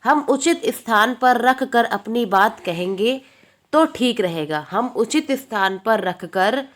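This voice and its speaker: A woman teacher giving an exam-prep lesson, repeating points and answering her own questions. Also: on the high side.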